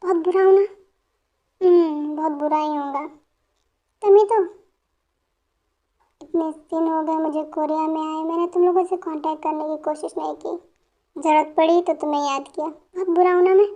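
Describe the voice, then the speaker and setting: A woman dubbing a drunk, self-pitying young man who talks slowly and mournfully. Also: a little mellow, highs cut off. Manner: slow, low, mournful. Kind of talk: fan dubbing.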